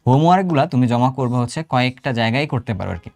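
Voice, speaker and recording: Fast-talking Bangladeshi chemistry teacher, man. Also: mid-range voice, darkish tone, dry recording. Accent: Bangladeshi Bengali. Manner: chatty, repeats phrases, asks students questions. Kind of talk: online exam-prep lesson.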